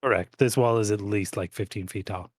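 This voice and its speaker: A man's voice: fairly low pitch, a little fast, no echo. A young man narrating as game master, matter-of-fact with casual swearing.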